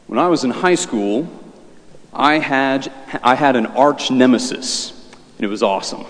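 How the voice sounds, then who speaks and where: A man serving as priest, reading the Gospel in a measured way and then preaching a homily as earnest storytelling, his voice carrying a cathedral echo. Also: mid-range voice, animated, a bit bright. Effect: cathedral echo, long church reverb. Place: large church. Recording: echoey church with long reverb.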